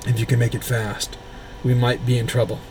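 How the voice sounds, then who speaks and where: A man voicing a mild, quiet young male scholar who has just been beaten in a fight. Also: mid-range voice, flat delivery, fairly quick, creaky, noisy background, close to an everyday voice. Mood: weary.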